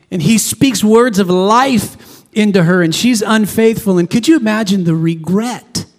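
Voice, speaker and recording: A male pastor delivers an impassioned sermon, his voice sitting noticeably high. He drives points home by repeating phrases and briefly acting out the figures he preaches about. The sound rings with the long reverb of a church sanctuary. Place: church sanctuary before a congregation.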